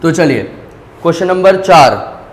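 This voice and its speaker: A male teacher giving a patient lesson, asking questions and answering them himself, repeating key words slowly. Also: fairly high pitch, animated. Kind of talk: classroom-style lesson. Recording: echoey room with long reverb.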